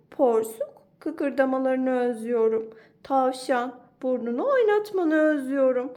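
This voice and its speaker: A lonely little bear cub from a storybook, read aloud by a woman, pleading tenderly. The voice sits high and swoops lively up and down.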